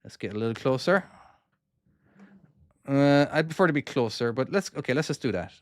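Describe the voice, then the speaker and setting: Brisk and animated, at a medium pitch, this Irish-accented speaker from Cork delivers live gameplay commentary. He casually talks his way through each maneuver in his trucking game and answers viewers' questions from chat, all in a dry, studio-quality recording.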